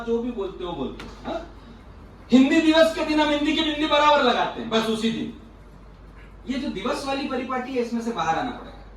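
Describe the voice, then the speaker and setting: A man with a very high voice gives a lively motivational talk and cracks jokes at his listeners. He is heard from a distance in a very echoey hall with faint noise behind him. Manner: joking, asks the audience questions. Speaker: speaker at a youth leadership session. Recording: roomy echoey hall from far off.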